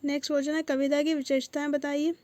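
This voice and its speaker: A young woman teacher with a high voice reads exam revision notes aloud. She works through lists of words one term at a time, in short clipped bursts. The sound is dry and close, with no room around her. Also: level tone, fast talker, a little mellow, dry recording.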